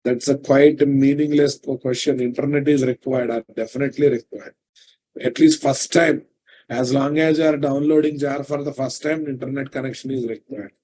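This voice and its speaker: A middle-aged programming instructor with a Telugu Indian accent teaches a live online class from a computer indoors, his mid-range voice dark in tone. He dictates notes, repeats phrases as he goes, and quizzes his listeners.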